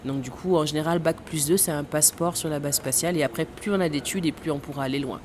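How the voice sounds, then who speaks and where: Low-pitched and quick, a woman in her thirties answers interview questions against background noise. She's a Caribbean tour guide at a space center, born in Guadeloupe and raised in French Guiana, explanatory but hesitant, full of fillers and laughing at times.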